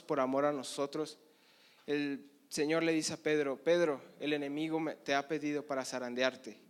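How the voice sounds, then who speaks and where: In a conference hall, a young preacher with a slightly high, smooth voice delivers a sermon. He tells Bible stories with passion, performing the characters' dialogue as he goes.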